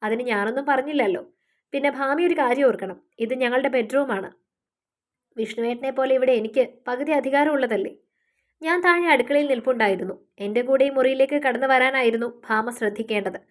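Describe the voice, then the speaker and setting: A woman's voice: high voice, fairly quick, natural voice. A woman voicing a jealous young wife who makes cold, pointed remarks, for a storybook reading.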